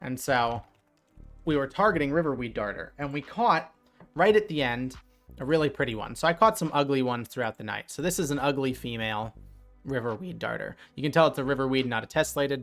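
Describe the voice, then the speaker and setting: A man casually retelling a night fishing trip in a chatty, animated way, with lots of fillers. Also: mid-range voice. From New Jersey. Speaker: streamer. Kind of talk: casual storytelling.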